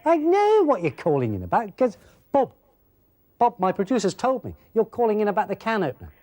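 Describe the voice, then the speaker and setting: A male presenter with a very swooping, animated voice, bantering with a caller. His tone stays jokey and teasing throughout. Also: high voice, fairly quick, slight background noise. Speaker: phone-in presenter. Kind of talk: chat with a caller.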